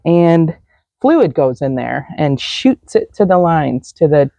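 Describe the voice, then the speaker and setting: A woman's voice: low-pitched, big pitch swings, slow, creaky, dark tone, no room sound, rough recording. A woman hosting a casual project vlog, chatty and joking as she narrates the work. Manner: chatty, joking, laughs easily. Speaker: vlog host.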